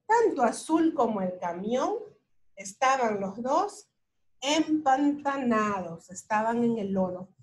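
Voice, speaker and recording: A woman's voice: on the high side, sing-song, slow. A woman teacher reading a picture book aloud to young children, playful and pointing things out as she goes. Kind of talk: children's story time read-aloud.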